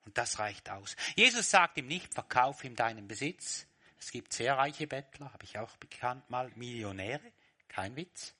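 Male preacher, unhurried sermon that swings between hushed and loud passages. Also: mid-range voice, animated. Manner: swings from quiet reflection to loud, shouting retellings.

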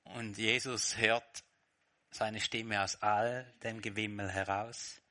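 Male preacher, unhurried sermon that swings between hushed and loud passages. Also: on the low side, flat delivery. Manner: swings from quiet reflection to loud, shouting retellings.

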